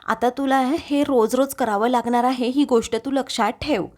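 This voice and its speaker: A woman's voice: fairly high pitch, steady tone, moderate pace, a little mellow, lightly acted. A woman narrator reading the lines of a teasing young woman in a serial recap.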